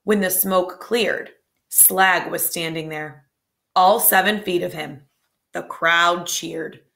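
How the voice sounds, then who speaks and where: A woman reading a children's chapter book aloud, with lively, light character voices. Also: lowish voice, slow, vocal fry. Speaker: storybook reader.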